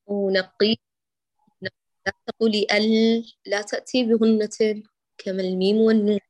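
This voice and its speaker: A woman teaching recitation with patient, affectionate corrections. She draws out each sound slowly to demonstrate it, in an ordinary mid-range voice. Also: mid-range voice, little pitch movement, a little mellow. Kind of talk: correcting recitation in an online lesson.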